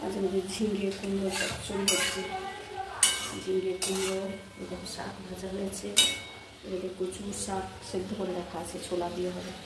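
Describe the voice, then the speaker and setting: A woman's voice: medium pitch, completely flat delivery, moderate pace, heavy background noise. A woman in her thirties with a Bengali accent, chatting casually in a home vlog, rambling and coaxing her child while she cooks. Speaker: vlogger, mother. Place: home kitchen.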